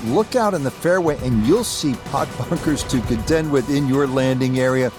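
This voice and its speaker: A man as a composed golf commentator in a video game, giving measured broadcast play-by-play. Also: medium pitch, lightly acted. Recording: loud music and crowd behind. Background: music and crowd.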